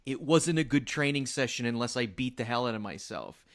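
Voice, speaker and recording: A man's voice: medium pitch, animated, a little fast. A man hosting a podcast, chatting casually and energetically with a guest and now and then swearing. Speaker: podcast host, jiu-jitsu coach.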